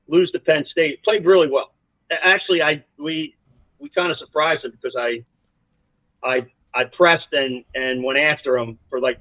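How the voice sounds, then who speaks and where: Interview guest: man from South Jersey, a soccer coach, rambling and animated, dry phone-like sound. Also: medium pitch, no echo. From South Jersey, USA. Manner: animated, rambling anecdotes with many restarts. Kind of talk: casual storytelling interview. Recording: dry, tinny phone-like line.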